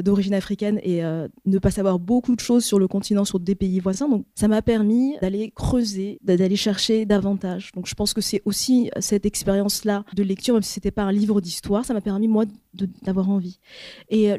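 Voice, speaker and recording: Audience woman; thoughtful, hesitant comment, mellow voice, dry recording. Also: medium pitch, dry recording. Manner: careful, reflective, with many hesitations. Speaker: audience member sharing a reflection. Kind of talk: audience comment at a public talk.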